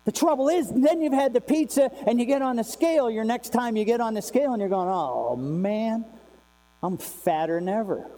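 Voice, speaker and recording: A man preaches to his congregation in a high but mellow voice, talking to them directly and firing off rhetorical questions. He swings from loud bursts to quiet asides. His voice carries a long reverb over a faint mains hum. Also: fast talker, hardly any pauses. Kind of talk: sermon.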